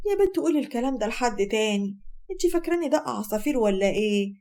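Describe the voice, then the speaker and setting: A woman's voice: fairly high pitch, expressive, quick pace. Woman playing a scornful Egyptian mother-in-law. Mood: accusing. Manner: sharp, mocking, bossy.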